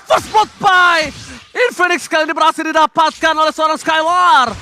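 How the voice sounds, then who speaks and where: A man with an Indonesian accent doing esports commentary like a fighting game announcer, shouting excitedly with drawn-out calls and English catchphrases. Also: very high-pitched. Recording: music behind the voice. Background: music.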